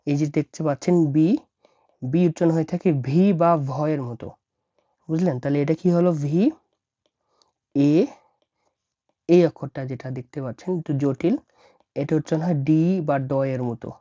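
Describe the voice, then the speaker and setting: A woman's voice: deep voice, normal speed, pauses often, mellow, no room sound. A woman teaching a language lesson, breaking each word into letters and repeating it several times. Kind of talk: slow explanatory lesson. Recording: dull lo-fi dry recording.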